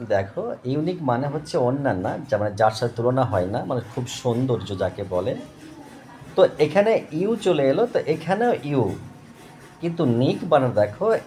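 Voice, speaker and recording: Slow, lively-pitched tutor. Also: male voice, slight background noise. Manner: slow, repeats and spells out words, asks "okay?". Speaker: English tutor. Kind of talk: explaining English grammar to students.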